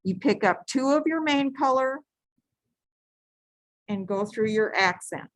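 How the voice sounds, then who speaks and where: A woman's voice: sits high, lively intonation, takes it slowly, no echo, rough recording. A woman teaching a beading stitch live, giving patient, repetitive step-by-step instructions and sometimes correcting herself. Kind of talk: step-by-step craft tutorial.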